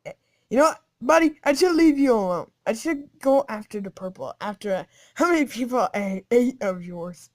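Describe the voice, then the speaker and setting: A woman commentating her own gameplay, giggling and switching between taunting whispers and excited shouts. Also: fairly high pitch, moderate pace. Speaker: gaming channel host. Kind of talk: game commentary.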